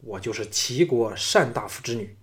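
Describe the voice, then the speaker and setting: A man's voice: medium pitch, normal speed, close to an everyday voice. A man voicing a young noblewoman in an audiobook who scolds her enemy with fierce scorn. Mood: furious. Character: young noblewoman avenging her ruined family.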